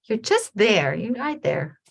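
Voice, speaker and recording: A woman hosting a casual conversation over a video call, talking in a reflective, halting way with many restarts. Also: mid-range voice, big pitch swings, creaky, husky. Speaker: podcast host.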